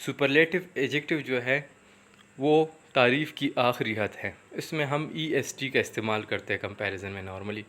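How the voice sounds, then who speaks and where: A man teaching a grammar lesson with a Pakistani English accent, explaining each point slowly in English and then repeating it in Urdu. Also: mid-range voice, a bit bright. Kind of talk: classroom grammar lecture.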